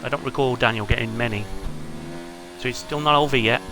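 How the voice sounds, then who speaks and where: A man with a mid-range voice talks fairly quickly over music while commentating live on an online racing league. He's chatty and wry, teasing the drivers and reading out messages from the chat.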